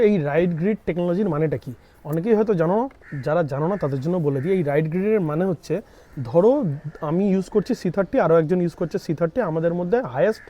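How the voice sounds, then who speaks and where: A vlogger from India with a high, mellow voice casually reviews a product. As host, he addresses viewers directly while explaining and mixes English words into his speech.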